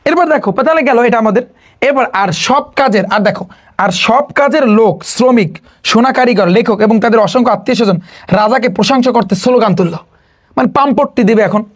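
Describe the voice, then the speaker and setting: Tutor explaining vocab, throws in english words, keeps asking the class what stuff means, middle pitch. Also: fairly quick. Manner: mixes English words into Bengali, quizzes listeners with repeated questions. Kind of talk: online exam-prep lecture.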